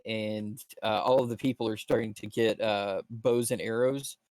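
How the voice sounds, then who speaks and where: Halting man running a tabletop game. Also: lowish voice, fairly even intonation, darkish tone, no echo. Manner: halting, full of fillers and restarts. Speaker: dungeon master.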